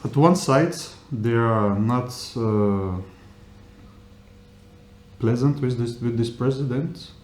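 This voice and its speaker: A man giving spontaneous interview answers in halting English, searching for words. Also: mid-range voice, darkish tone. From Russia. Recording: echoey room with faint noise.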